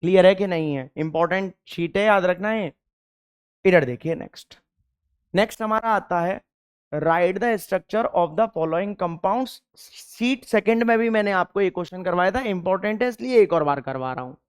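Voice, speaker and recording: In his chemistry lecture, this male teacher's voice sits high and sounds smooth, with lively intonation. He quizzes the class and supplies the answers himself, going over key terms slowly and more than once.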